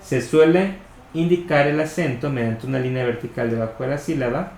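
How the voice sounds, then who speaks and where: Man, mid pitch, measured explanatory reader of a study text, roomy echo. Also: darkish tone. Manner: measured, explanatory, spells out Hebrew terms. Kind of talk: reading a commentary aloud. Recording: echoey room with faint noise.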